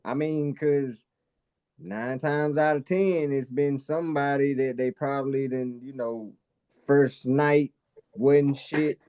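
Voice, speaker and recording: A man's voice: medium pitch, fairly even intonation, slow, a little mellow, clean tone. A man on a discussion panel talking casually in a drawling, slangy way.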